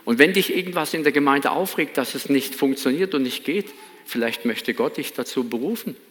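A pastor preaches a sermon in a reverberant church hall, his medium-pitched voice brisk and a bit bright. He sounds earnest and emphatic, with a light Baden German accent.

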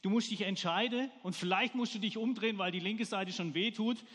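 Preacher guy, high voice, long echo in a church hall, asks the crowd stuff. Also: a little fast, fairly bright tone. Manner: storytelling, asks the congregation questions. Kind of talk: sermon.

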